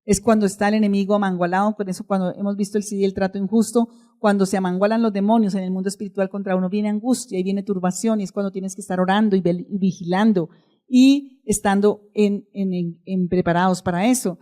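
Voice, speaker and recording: A middle-aged woman, preaching to a congregation. Her voice is mellow and warm, and her pitch sits in a medium range. She keeps asking questions and then answers them herself. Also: steady tone, quick pace. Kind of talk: sermon.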